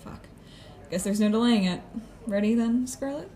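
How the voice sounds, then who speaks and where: A woman acts a sardonic, matter-of-fact superpowered team planner in an audio drama, sounding confident and plotting as she speaks casually and swears. Her voice is on the high side, mellow and natural at a normal speed, with clear background noise.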